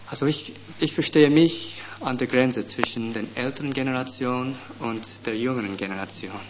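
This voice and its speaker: A middle-aged man preaching a sermon, slow and deliberate, pushing up hard on key words. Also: medium pitch. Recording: dull lo-fi sound with faint background noise.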